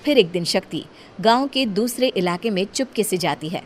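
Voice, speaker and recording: A woman's voice: medium pitch, expressive, moderate pace, a little hiss or hum. Woman narrating a cartoon story.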